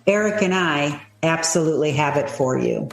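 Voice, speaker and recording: A woman makes an eager sales pitch for a webinar. Her voice is somewhat low and sounds roomy and echoey. Faint music plays behind her. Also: lively intonation, moderate pace, gravelly. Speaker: webinar co-host in a promo. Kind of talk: promotional pitch.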